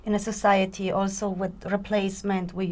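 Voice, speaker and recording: Woman choreographer, mid voice, fast halting phrasing. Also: medium pitch, monotone, a little mellow. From Poland and Germany. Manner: fast, searching phrasing with restarts. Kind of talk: interview answers.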